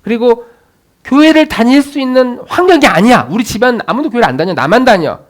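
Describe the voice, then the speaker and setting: A man, a pastor, preaching a sermon, swinging between loud, urging lines and soft, musing asides. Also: very high-pitched, animated, fairly quick. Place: church sanctuary.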